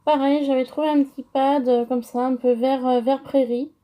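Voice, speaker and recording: A woman's voice: high voice, level tone, moderate pace, background noise. A woman with a French accent explaining a paper-crafting project step by step, hesitant with many fillers. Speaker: crafting tutorial host. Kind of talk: casual craft tutorial.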